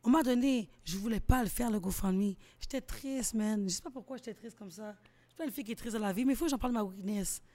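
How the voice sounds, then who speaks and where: A young woman with a Québécois accent chatting as an interview guest, animated and slangy, dropping English phrases into her talk. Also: mid-range voice, fast talker. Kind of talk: casual interview chat.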